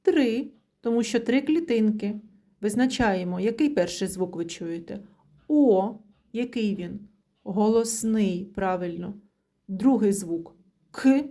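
A woman teaching young children their letters, sounding each letter out slowly and praising them often. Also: on the high side, dark tone. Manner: slow, drawn-out sounding of letters; praising, encouraging. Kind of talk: children's literacy lesson.

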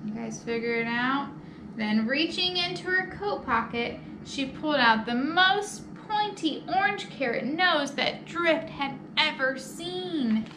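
A young woman hosts storytime in an indoor children's library room, reading a picture book aloud and asking the children simple questions. Her high voice is lively and a little slow, with roomy echo and clear background noise.

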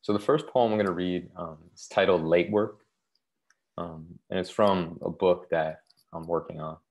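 Speaking from indoors in his living room via wired earbuds on a video call, a poet in his thirties gives a reading, adding casual introductions to each poem. His low voice is a little mellow and moves at normal speed.

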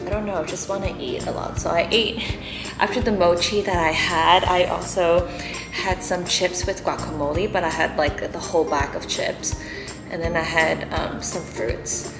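A woman's voice: fairly low pitch, roomy sound. A young adult woman chatting casually and upbeat in a vlog, filling her talk with "like" and "um". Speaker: vlogger.

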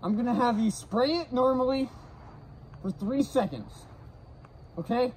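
A man's voice: unhurried, a little mellow, a little hiss or hum, poor audio. A young man speaking through a gas mask while casually demonstrating safety gear in a brash, swearing way. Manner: brash, swearing, breathing deeply. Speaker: vlogger testing safety gear.

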